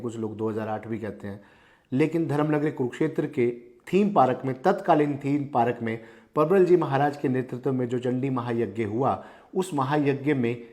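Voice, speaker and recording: A man's voice: medium pitch, a little mellow. A man delivering local news commentary with a mid-range voice. He talks emphatically, circling back to restate key phrases for stress.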